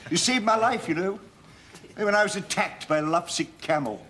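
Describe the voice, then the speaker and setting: A man's voice: sits high, moderate pace, a bit bright. An actor playing a boastful older father who rambles through war stories and chuckles as he talks. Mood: rambling. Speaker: father in a sitcom. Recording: studio audience laughter.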